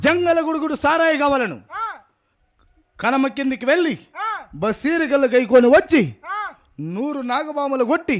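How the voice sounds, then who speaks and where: A man's voice: very high-pitched, normal speed, pauses often. A man acting a boastful, bossy Nawab in a folk stage drama, chanting and singing his lines. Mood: demanding chant. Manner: chanting and singing boastful verses, bellowing orders. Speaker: stage actor. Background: music.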